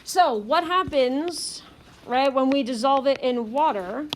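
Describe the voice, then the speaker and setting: A woman's voice: high voice, slow, noisy background. A woman teaching a chemistry class, explaining step by step and checking in with "okay?" and "right?" after nearly every point. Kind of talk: classroom lecture.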